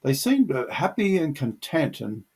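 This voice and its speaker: A man's voice: a little high, very animated, unhurried, a little mellow, breathy edge. A middle-aged man earnestly telling the personal story of how he came to faith, in a reflective storytelling manner. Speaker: channel host sharing his testimony.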